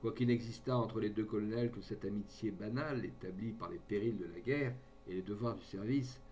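A man reading a classic French novel aloud in measured, even narration. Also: fairly low pitch, slight background noise. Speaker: audiobook reader.

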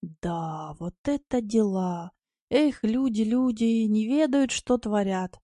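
A woman voicing a rough, quick-tempered yard tomcat who speaks gruffly and bluntly. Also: medium pitch, dark tone, dry recording, clean studio sound, natural voice.

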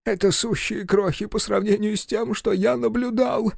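A tearful, fussy old professor, as a male reader puts him on, his voice pitched high and stretched out in long wailing phrases. It sounds dry and close, with lively swings of pitch. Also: vocal fry, no echo, heavily acted. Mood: lamenting. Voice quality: high, wailing, drawn-out delivery.

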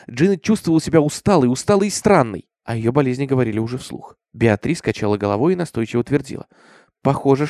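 Man reading a horror story, expressive. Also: mid-range voice, no echo, clean studio sound. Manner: intense, expressive delivery. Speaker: narrator.

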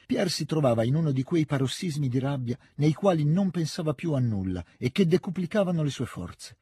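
A man giving a measured, even audiobook reading of a literary novel into a close studio mic. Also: on the high side, breathy edge, dry recording. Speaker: audiobook reader. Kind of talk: scripted literary narration.

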